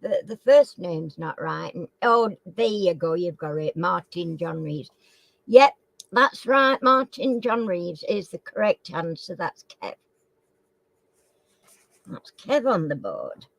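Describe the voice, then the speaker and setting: A woman's voice: on the low side, big pitch swings, slow, vocal fry, no room sound, low-quality recording. A woman with slightly slurred, toothless articulation, chatting informally as she hosts a live quiz and repeats the questions. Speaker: live chat quiz host. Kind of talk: casual live chat, reading out quiz questions.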